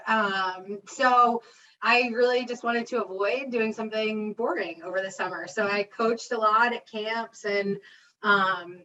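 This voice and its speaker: A woman coach on a panel, speaking in a quick, easygoing way. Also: medium pitch, sharp tone. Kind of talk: panel discussion. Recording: distant, lo-fi sound.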